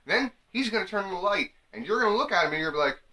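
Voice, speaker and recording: A man's voice: high voice, very fast. A young man giving comic advice straight to the camera. He jokes his way through, sometimes slipping into mock women's voices. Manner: animated, jokey, slips into mock women's voices. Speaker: comedy vlogger.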